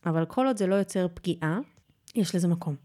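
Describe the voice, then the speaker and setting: A woman speaking as a podcast guest and yoga teacher, talking gently and deliberately and repeating phrases for emphasis. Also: on the low side. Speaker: guest, yoga teacher and personal growth guide. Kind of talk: reflective podcast conversation.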